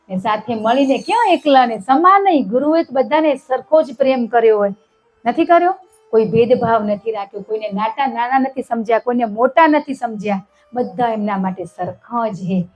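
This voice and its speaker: A woman's voice: fairly high pitch, animated, moderate pace, faint music behind, low-quality recording. A woman giving a devotional satsang talk. She tells a parable and keeps asking her listeners short questions. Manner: acts out the characters' shouted lines. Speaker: spiritual satsang speaker.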